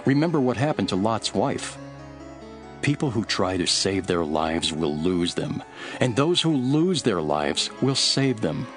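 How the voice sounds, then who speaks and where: A solemn teacher of parables in a scripture audio drama. The voice sits fairly low and moves expressively as he teaches in a measured way. Soft music runs behind him. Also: very animated. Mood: solemn warning. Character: Jesus, solemn male teacher telling parables.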